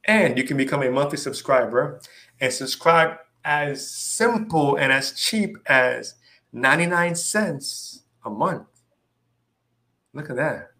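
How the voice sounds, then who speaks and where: A podcast host with a bright, forceful, expressive voice chats casually, playful and pumped up, constantly checking in with listeners through "right?" and "you know what I mean". He sounds loose and upbeat, with a medium pitch and a slow pace.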